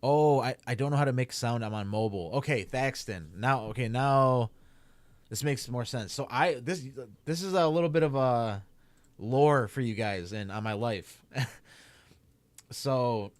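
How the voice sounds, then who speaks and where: A young streamer and YouTuber from the Chicago area, with a Chicago accent, chats casually to his stream while gaming, rambling with plenty of "like" and "man." His medium-pitched voice is unhurried and free of echo.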